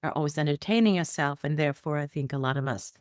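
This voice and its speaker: A middle-aged woman from Iceland, appearing as a guest, tells her life story in a conversational interview, rambling with many fillers and restarts. Her voice is low, a little mellow, and quick, recorded in studio quality with no echo.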